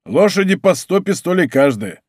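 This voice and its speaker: A man's voice: high voice, very animated, moderate pace, a little mellow, no echo, studio quality. Man doing a burly, easygoing musketeer. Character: burly strong male musketeer, simple and good-natured.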